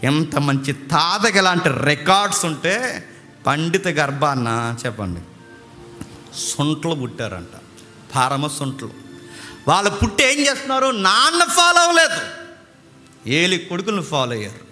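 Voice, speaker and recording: A man preaching an animated sermon, firing rhetorical questions and swinging between loud and soft. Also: a little high, unhurried, pauses often. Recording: long hall reverb with faint music.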